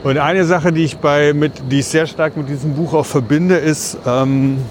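A man co-hosting a casual podcast, presenting a topic in a halting way while walking outdoors in the city. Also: fairly high pitch, fairly even intonation. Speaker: podcast co-host. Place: outdoors on a city street along a tram line. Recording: clear street and vehicle noise behind.

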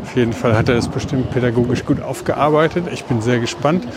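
A man's voice: medium pitch, fast talker. Man chatting on foot over street noise. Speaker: podcast co-host. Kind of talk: casual chat recorded while walking. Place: outdoors on city streets, walking. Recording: clear outdoor street noise. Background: urban traffic noise.

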